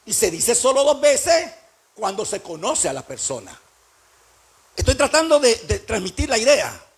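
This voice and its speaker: High, husky-voiced male pastor preaching. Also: very animated, normal speed. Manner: emphatic preaching with rhetorical questions to the congregation. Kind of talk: sermon.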